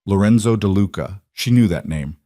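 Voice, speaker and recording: Brief: male narrator, low-ish, dramatic scripted reading, dry close recording. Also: warm tone, no room sound. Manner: dramatic, measured storytelling.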